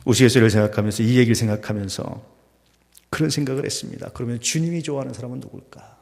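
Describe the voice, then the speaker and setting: A man preaching a sermon as pastor, swinging between loud emphatic peaks and hushed near-whispers, full of rhetorical questions to the congregation. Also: medium pitch, fairly even intonation, rapid-fire, vocal fry. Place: church sanctuary. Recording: long hall reverb.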